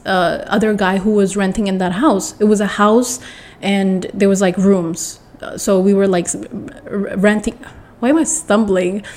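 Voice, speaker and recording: A young woman telling a personal story in a casual storytime monologue. She rambles and corrects herself, restarts her sentences, tells it with dramatic flair and clears her throat often. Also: mid-range voice, darkish tone.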